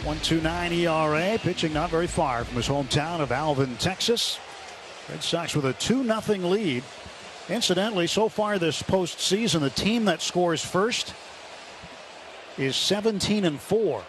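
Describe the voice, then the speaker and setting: Over the loud roar of a ballpark crowd and stadium ambience, a radio broadcaster calls a baseball game live. His voice is on the high side, expressive and unhurried.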